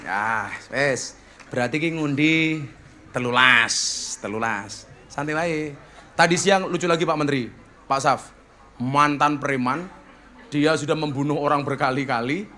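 A man's voice: fairly high pitch, a little slow, sharp tone, slight background noise. A man with a Javanese accent, a preacher hosting a religious gathering, telling stories and joking with guests. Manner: joking, teasing banter with guests. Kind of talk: lively sermon storytelling to a crowd.

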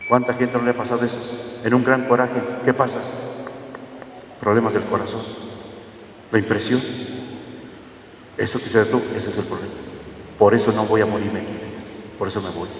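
A man's voice: lowish voice, little pitch movement, moderate pace, long pauses, slight background noise. A man giving an earnest Lenten talk, calling his listeners his children. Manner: earnest, addresses listeners as children, acts out dialogues. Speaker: parish preacher. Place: church or parish hall. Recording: echoey hall, voice from far off.

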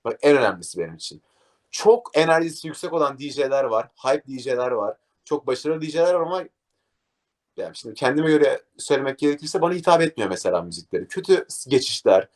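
A young man, a DJ, talking casually in an interview and acting out a story with lively energy. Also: on the high side, fast. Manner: animated, acts out scenes, says "abi" a lot. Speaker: DJ guest.

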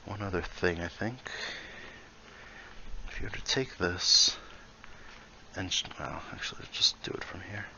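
In a deep, whispered voice that's pushed and bright with vocal fry, a man gives a casual VR building tutorial at a measured pace with long pauses. He thinks aloud and mutters small asides as he builds in the game, and the recording is muffled.

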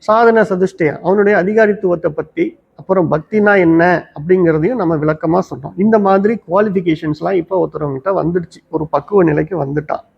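High gravelly-voiced man teaching Vedanta. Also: lo-fi sound. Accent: Tamil. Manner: explains step by step, slowly chants Sanskrit verses. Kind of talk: spiritual discourse. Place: ashram teaching hall.

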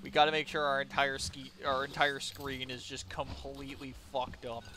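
A man streaming a game, chatting casually and getting loud and excitable, swearing a lot. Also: medium pitch, normal speed, slight background noise. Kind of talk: casual gaming stream chat.

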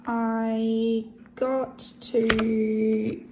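Heavy background noise surrounds an Australian woman talking extremely slowly about her groceries to camera. Her voice sits on the high side with little pitch movement, and her unscripted vlog chat keeps trailing off mid-thought.

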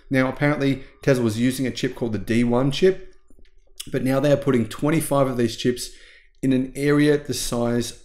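A man in his forties hosts casual tech news commentary from a small home studio. He talks with eager emphasis and drawn-out words for effect. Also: medium pitch, a little mellow. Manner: enthusiastic, emphatic, stretches key words.

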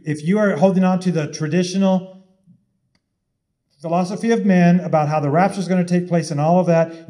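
A man's voice: a little high, dark tone. A man delivering an impassioned, sermon-style talk, urging listeners with urgent repetition. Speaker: online preacher.

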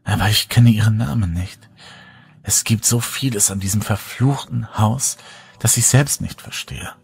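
A woman's voice: a bass voice, a little slow, gravelly, a little mellow, husky, full character voice. A man voicing a pale, exhausted young woman in a whispered role-play, speaking barely above a whisper and sounding weary and afraid. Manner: faint, weary and fearful. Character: exhausted hollow ghostly young woman, fearful.

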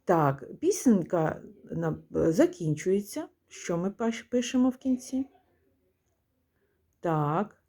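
A woman's voice: on the low side, warm tone. Patient woman teaching a music lesson. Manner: patient, prompting the pupil, claps and chants rhythms slowly.

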